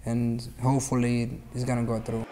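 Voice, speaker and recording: Young man, late teens, flat mellow voice, earnest and determined, faint background hiss. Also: medium pitch, normal speed. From Honduras. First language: Spanish. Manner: earnest, determined, many fillers. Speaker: student activist. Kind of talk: interview testimony.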